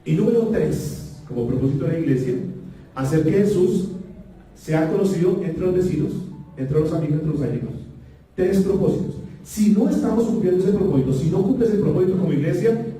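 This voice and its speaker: A man's voice: on the high side, lively intonation, fairly quick, mellow. A man preaching as pastor, emphatic, repeating key phrases and calling the congregation to repeat after him. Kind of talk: sermon. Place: church hall. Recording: very echoey room, heard from far off.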